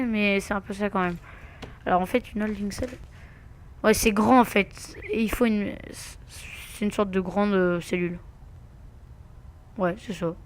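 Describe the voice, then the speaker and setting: A man's voice: high voice, a little hiss or hum. A man giving casual gameplay commentary, muttering to himself with asides and mild swearing. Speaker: let's play gamer.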